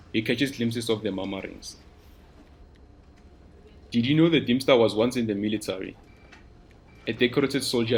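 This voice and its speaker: Low-voiced man narrating a story. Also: a little hiss or hum. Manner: steady, descriptive storytelling.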